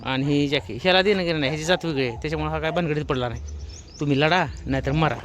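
A vlogger with a slightly high, quick-paced male voice chats casually to the camera while walking his dog along a road outdoors. He calls out to the nearby dogs to shoo them away, and faint outdoor noise sits in the background.

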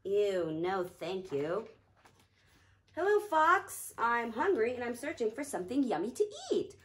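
A woman's voice: a little high, very animated, a little slow. A woman voicing a hungry, picky male cat in a storybook read-aloud, with fussy, whiny complaints.

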